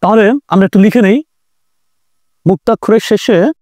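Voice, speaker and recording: A man with a high voice and dark tone teaches an online grammar lesson, repeating key points and drawing out words for emphasis in an explanatory way. The sound is clean studio quality with no echo.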